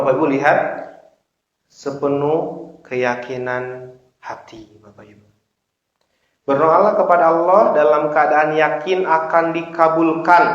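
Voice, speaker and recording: Lively male preacher in an echoey hall. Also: fairly high pitch. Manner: animated, acting out the prayers of worshippers. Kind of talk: sermon to a congregation. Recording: echoey, dull lo-fi recording.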